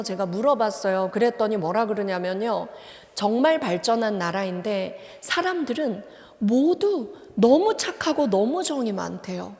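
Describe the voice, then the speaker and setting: A woman psychology professor speaks at a church seminar in a lively lecturing manner. She often asks her listeners questions and briefly acts out the lines she quotes. Her voice sits a little high and carries a long church-hall reverb.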